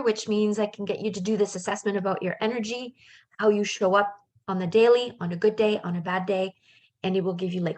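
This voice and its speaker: Her pitch is medium. She's a middle-aged life coach, born in Canada and brought up in France, giving an informal live webinar that's bubbly and conversational, peppered with fillers and tangents.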